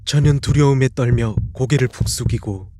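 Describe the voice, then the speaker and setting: A man narrating a first-person horror story in a scripted style, dropping to a hushed, low voice at tense moments. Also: moderate pace, over loud music.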